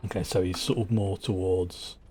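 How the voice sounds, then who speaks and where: A man's voice: deep voice, fairly even intonation, moderate pace, a little mellow, a little hiss or hum. A man giving casual, chatty game commentary, thinking aloud as he plays. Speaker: gamer, host of a playthrough.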